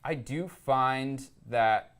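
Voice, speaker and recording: A young man co-hosting a coffee gear show, explaining equipment in a relaxed, casual way with frequent ums and uhs. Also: medium pitch, drawn-out words, smooth. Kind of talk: casual product chat.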